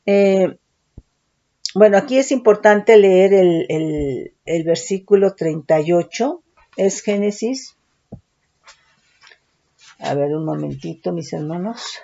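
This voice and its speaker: Warm-voiced woman teaching Bible study. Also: on the low side, takes it slowly, gravelly, long pauses, muffled recording. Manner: checks in with frequent "¿verdad?" and "¿sí?" tags; spells out word roots methodically.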